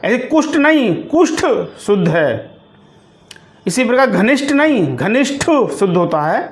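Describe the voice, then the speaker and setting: A man teaching a grammar lesson for exam preparation, reading out correct and incorrect words slowly and deliberately, one by one. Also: very high-pitched, sing-song. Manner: slow, deliberate, word-by-word dictation of correct and incorrect forms.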